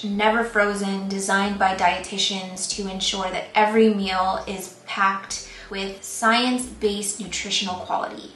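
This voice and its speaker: A woman's voice: mid-range voice, a bit bright. A young woman vlogging casually from her plant room, chatty and rambling with self-deprecating asides. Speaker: plant YouTuber. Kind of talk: casual vlog talk to camera. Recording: roomy echo, faint ambient noise.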